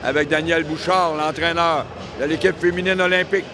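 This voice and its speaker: A man's voice: fairly high pitch, fairly even intonation, fairly quick, music in the background. Colloquial Quebec man calling boxing. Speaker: boxing commentator. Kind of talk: live sports commentary. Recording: noisy venue background.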